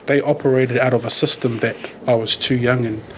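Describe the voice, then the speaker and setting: A man talks things through in a candid, reflective way. His voice sits at a middle pitch, and he often circles back to find the right words. Faint background noise hums under the conversation. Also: fairly even intonation, fairly quick. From New Zealand. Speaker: podcast guest, community worker.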